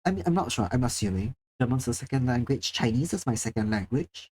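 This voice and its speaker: Talking fast and animatedly in a slightly mellow mid-range voice, this Singapore streamer reads chat and banters loosely with the audience. The tone is chatty and self-mocking, with the occasional curse.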